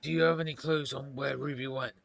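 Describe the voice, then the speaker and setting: Bright, chatty streamer. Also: male voice, mid-range voice, steady tone, brisk, vocal fry. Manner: chatty asides. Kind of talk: casual game-stream commentary.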